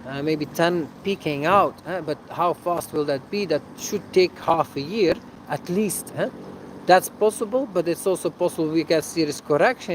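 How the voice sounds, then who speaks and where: Casual livestream host, a touch high-pitched, thinks aloud hesitantly, faint street noise behind. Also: male voice, rough recording. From Belgium. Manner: hesitant, many fillers, ends sentences with a tag "eh?". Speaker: livestream host answering viewer questions. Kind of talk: casual live Q&A.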